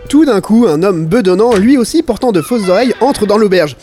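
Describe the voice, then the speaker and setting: A man narrating a tabletop game as game master, in a lively, animated way. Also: high voice, fairly quick, soft background music.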